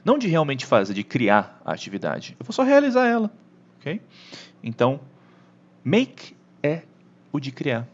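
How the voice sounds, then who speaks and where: A man with a Brazilian Portuguese accent teaching an English lesson online, animated, often checking in with the listener. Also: fairly high pitch, a little slow, long pauses, highs cut off.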